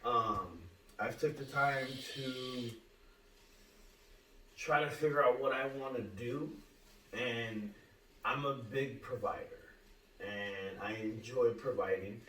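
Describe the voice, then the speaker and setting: A man in his thirties talks earnestly about his plans, often restarting his sentences. His voice sits at a middling pitch. He is heard from a little way off in an echoey room with a faint hum underneath. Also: slow, long pauses, a bit bright. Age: 30s. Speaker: podcast host. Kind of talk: casual chat. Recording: roomy, distant mic with faint hum.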